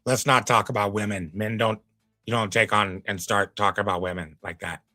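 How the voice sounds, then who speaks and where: A man's voice: lowish voice, steady tone, brisk, bright, forceful tone, no room sound. A man giving casual commentary on a clip as a reaction streamer, chatty and laid-back with preachy asides.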